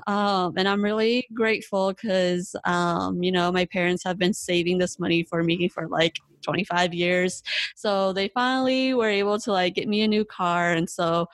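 A woman's voice: medium pitch, a little slow, dry recording. A woman co-hosting a podcast, talking in an informal, conversational way. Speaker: podcast co-host. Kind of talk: casual podcast chat.

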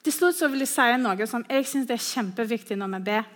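A woman giving a sermon who tells stories earnestly and pauses with hesitant fillers. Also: fairly high pitch, animated. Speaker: speaker.

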